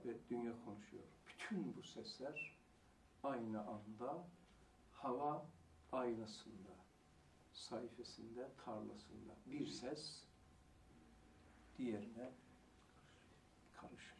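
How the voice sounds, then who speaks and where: A man delivers a religious lecture, posing questions and then answering them, with slow weight on key words. His voice has a gravelly edge and sits at a middle pitch. He is recorded from a distance in a reverberant room with a faint hiss behind him. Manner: poses rhetorical questions and answers them himself; slow, deliberate emphasis on single words. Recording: echoey room, mic far off, faint hiss.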